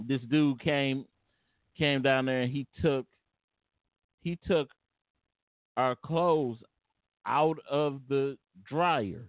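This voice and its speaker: A man's voice: medium pitch, no room sound. A man telling a personal story casually and earnestly, often repeating and restarting his phrases. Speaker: vlogger. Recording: tinny phone-like dry sound.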